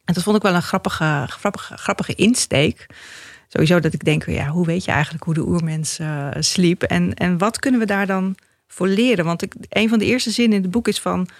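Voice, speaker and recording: A woman's voice: on the low side, normal speed, no echo, clean studio sound. A woman hosting a health podcast, asking questions in a chatty, curious way. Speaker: podcast host, health journalist. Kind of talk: podcast interview.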